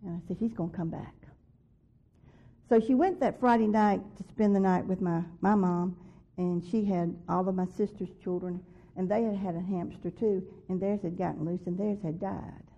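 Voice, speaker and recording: A woman with a lowish, mellow voice talks at normal speed and in a steady tone as she offers an earnest faith testimony. She turns emphatic repeating what she believes were God's words to her, heard through a dull lo-fi recording.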